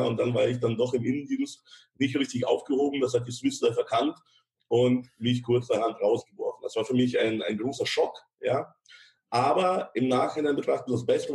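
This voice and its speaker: Gravelly Ukrainian-born man, chatty guest. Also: medium pitch, a little mellow. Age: 30s. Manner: many fillers, chatty, ends phrases with "ja". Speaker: podcast guest, insurance broker. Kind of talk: casual interview talk.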